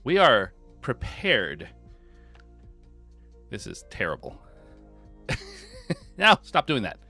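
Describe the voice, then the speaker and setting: A man's voice: medium pitch, wildly swooping pitch, takes it slowly, sharp tone, faint music behind. A man hosting a game live stream from home, chatting casually and greeting viewers by name.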